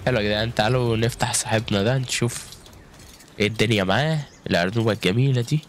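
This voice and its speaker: A man's voice: on the low side, very fast. A man with an Egyptian Arabic accent giving chatty gameplay commentary, calling out to viewers with frequent exclamations. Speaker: gaming YouTuber.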